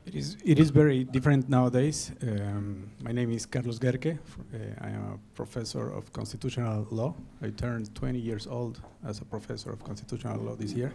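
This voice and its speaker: A man's voice: medium pitch, steady tone, brisk, vocal fry, few pauses, mellow, a little hiss or hum. A middle-aged man from Bolivia, a law professor and panelist, speaking hesitantly with many fillers. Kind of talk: panel presentation.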